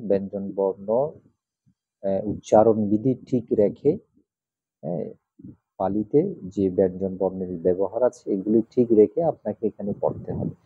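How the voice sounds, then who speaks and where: A man, a Buddhist monk, teaching Pali pronunciation, repeating each chanted phrase slowly to demonstrate it. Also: on the low side, husky, no echo. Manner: slow, repetitive, demonstrating pronunciation line by line. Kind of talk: instructional talk with recited Pali chants. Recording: dull lo-fi sound.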